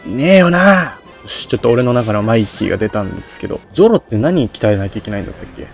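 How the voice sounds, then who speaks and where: A game streamer gives rambling, self-deprecating commentary in a casual Let's Play, his diction slurred and hard to catch. His voice is lowish, sing-song, fast and gravelly, with soft background music.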